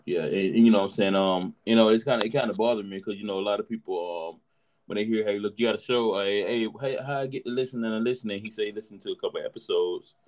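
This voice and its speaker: Low-voiced laid-back podcast host. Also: male voice, fast talker, darkish tone, low-quality recording. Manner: laid-back, repeats fillers like "you know what I'm saying". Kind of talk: casual podcast chat.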